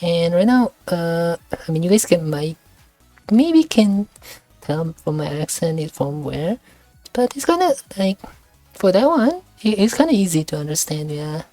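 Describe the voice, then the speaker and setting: A woman's voice: on the low side, big pitch swings, a little slow, mellow, no room sound, faint music behind. A woman who grew up in Indonesia, reacting casually to a video, hesitant and searching for words with many fillers.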